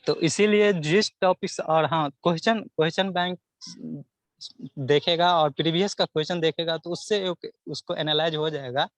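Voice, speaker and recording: Speaking at a moderate pace in a steady tone, a young man with a slightly high voice gives casual interview answers as a student guest, with no echo on the recording. He counsels earnestly and often repeats himself while enumerating topics.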